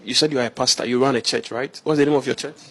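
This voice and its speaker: Man, mid-pitched, reporter grilling a suspect with pointed repeated questions. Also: fairly even intonation, very fast, sharp tone. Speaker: interviewer. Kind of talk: confrontational interview and news report.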